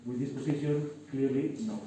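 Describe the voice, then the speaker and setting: A man with a Spanish accent, a lawyer, speaking haltingly in English with many fillers during a panel discussion in a classroom. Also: mid-range voice, dark tone, a little hiss or hum. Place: university classroom. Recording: echoey classroom, distant mic.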